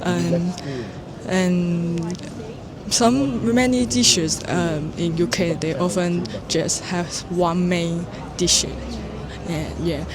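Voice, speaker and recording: Hesitant Chinese-accented man, slow. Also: high-pitched, fairly even intonation, a crowd in the background. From China. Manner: hesitant, searching for words, many fillers. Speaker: international student interviewee. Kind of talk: street interview answers. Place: outdoors on a city street.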